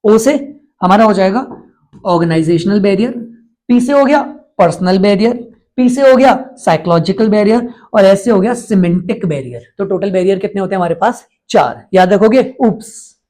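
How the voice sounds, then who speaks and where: A man's voice: high-pitched, lively intonation, normal speed, a little mellow. A male teacher from India giving an exam-prep lecture, constantly quizzing his students and repeating the answers.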